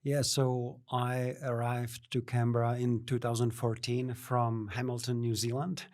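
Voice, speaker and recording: A middle-aged man from the Czech Republic, a native Czech speaker, answering interview questions in a measured way with many fillers and restarts. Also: medium pitch, level tone, a little mellow, no room sound, studio quality. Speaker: guest, innovation network CEO. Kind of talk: podcast interview.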